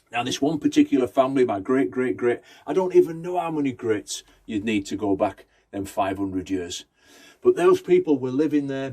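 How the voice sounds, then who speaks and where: With a fairly low, dark voice, a Romani man relates a folktale in a conversational manner as oral storytelling, using short phrases and rhythmic repetition.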